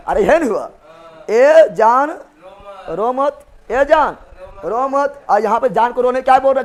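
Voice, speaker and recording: A man teaching a live online revision class, joking and quizzing his students with memory tricks. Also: very high voice. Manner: playful, joking, repeats questions to students. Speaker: exam coaching teacher.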